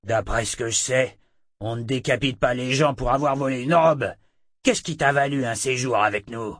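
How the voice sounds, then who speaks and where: A man voicing a gruff suspicious thug. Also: medium pitch, moderate pace, a bit bright, no room sound, clean studio sound, close to an everyday voice. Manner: gruff, growling. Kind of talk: audiobook character reading.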